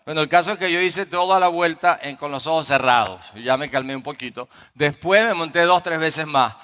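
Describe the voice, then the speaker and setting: A man preaching from the pulpit with a bright, sharp-edged voice, pitched somewhat higher than most men. He tells a story at an easy storytelling pace, often checking in with his listeners. His words ring out with the long reverb of a large church hall. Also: brisk. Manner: anecdotal storytelling, frequent tag questions. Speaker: pastor. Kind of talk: sermon with personal story.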